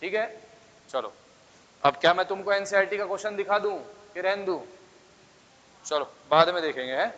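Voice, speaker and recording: A male physics teacher lecturing in a classroom, constantly pressing his students with questions. His voice sits fairly high for a man, and the sound is muffled, with a long reverb trailing each phrase. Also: moderate pace, long pauses, fairly bright tone. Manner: coaxing, keeps asking the class questions.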